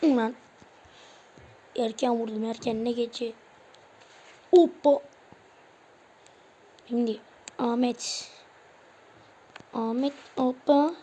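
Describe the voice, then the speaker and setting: A woman's voice: on the high side, steady tone, slow pace, pauses often, dark tone, husky. A woman giving casual play-by-play commentary on her own football video game match, firing off player names in short bursts and grumbling when plays go wrong. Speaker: gaming channel host. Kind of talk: casual live gameplay commentary.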